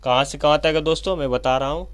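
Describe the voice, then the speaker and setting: A teacher gives a slow, repetitive grammar lesson at a whiteboard, often calling his viewers friends and correcting himself mid-sentence. His voice is a little high and smooth.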